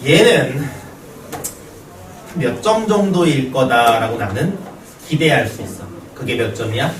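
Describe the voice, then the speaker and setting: A man's voice: medium pitch, expressive, measured pace, slight background noise. A man teaching math to a class, joking and telling stories between points. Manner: joking banter with students, storytelling. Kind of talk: classroom lecture. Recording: roomy classroom echo, distant mic.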